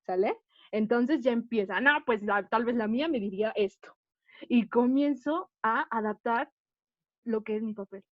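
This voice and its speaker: A woman's voice: on the high side, normal speed, dry recording. A woman teaching an acting class, explaining patiently and often checking that the students follow. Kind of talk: online class lecture. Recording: dull, dry lo-fi audio.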